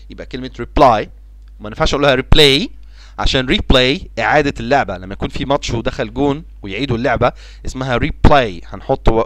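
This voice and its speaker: A man with an Egyptian Arabic accent giving an English vocabulary lesson, saying each English example slowly and repeating key words. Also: medium pitch, fairly bright tone, no room sound. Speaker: English teacher. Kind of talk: language lesson explaining vocabulary.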